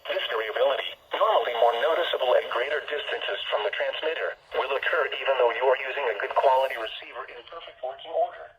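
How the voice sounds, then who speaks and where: A man's voice: medium pitch, quick pace, a bit bright, rough recording. A man reading a scripted weather radio announcement in a formal, automated-sounding weather radio voice, heard over a radio broadcast.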